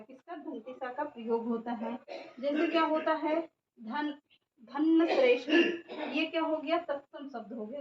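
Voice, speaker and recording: A woman teaching a grammar lesson who keeps asking questions and answering them herself. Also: high voice. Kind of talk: classroom lesson. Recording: echoey room, dull sound, faint background noise.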